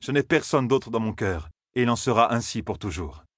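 A man voicing a hard but tender warrior king in an audiobook, gentle and teasing. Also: mid-range voice, lively intonation, a little fast, no room sound, clean studio sound, pitched above the performer's own voice. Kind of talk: audiobook character voice.

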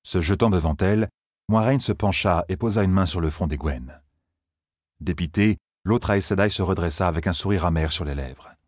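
Male audiobook narrator, low and husky, steady measured delivery. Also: no echo, clean studio sound.

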